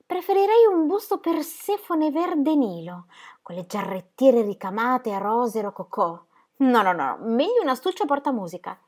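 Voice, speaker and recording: A woman reading an audiobook, voicing a lively, chatty teenage girl who talks quickly and a little cheekily. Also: fairly high pitch, voice pushed up.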